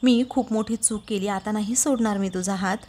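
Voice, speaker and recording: This is a furious, defiant young woman who insists and refuses to back down, as a woman narrator puts her on. It is a storybook-style retelling of a TV serial scene. Her pitch sits in an ordinary middle range. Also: fairly quick, darkish tone, natural voice. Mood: angry, defiant. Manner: angry, insistent quoted lines.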